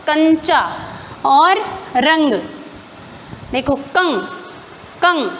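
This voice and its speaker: A woman's voice: sits high, big-room sound, a little hiss or hum. A woman teacher explaining grammar step by step in a classroom lesson, asking questions and answering them herself.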